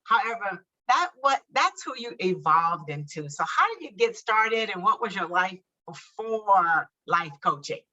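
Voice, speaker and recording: A woman's voice: medium pitch, expressive, measured pace, few pauses, bright, forceful tone, dull audio. A woman hosting a live-streamed interview podcast, upbeat and chatty with frequent laughter. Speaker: podcast host.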